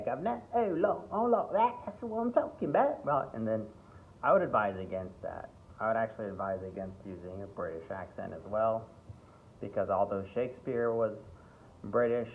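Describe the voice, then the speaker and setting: A man teaching an acting workshop in a relaxed way. He often repeats himself and checks in with "okay?" and "right?". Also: fairly low pitch. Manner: breaks into playful accent demonstrations. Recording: tinny phone-like sound with faint background hiss.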